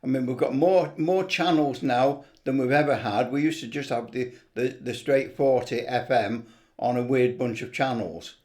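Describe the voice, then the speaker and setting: A middle-aged or older man presents a hobby video in casual, unscripted vlog talk, rambling with enthusiasm. His voice is medium-pitched with a darkish tone, at a normal speed.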